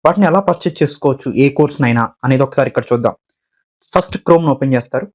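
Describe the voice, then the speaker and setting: A man's voice: medium pitch, racing. A man with a Telugu accent narrating a step-by-step website tutorial, mixing English terms into Telugu, on a dull lo-fi recording. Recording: dull, lo-fi sound.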